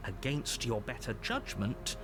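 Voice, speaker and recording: An actor playing a stern, controlling narrator in a video game, with measured, literary and insistent delivery. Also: male voice, mid-range voice, sing-song, fairly bright tone. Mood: grim. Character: stern, disapproving storybook narrator, a controlling male presence. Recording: game music behind the voice.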